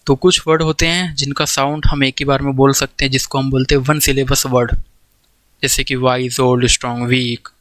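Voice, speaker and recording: A male teacher works slowly through a grammar class, repeating examples and pausing to ask whether the point landed. His voice sits at a middle pitch and is recorded close and dry, with no room sound. The pace is patient and classroom-like. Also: flat delivery, fairly bright tone, no room sound, poor audio. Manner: explains step by step, keeps checking understanding with "theek hai".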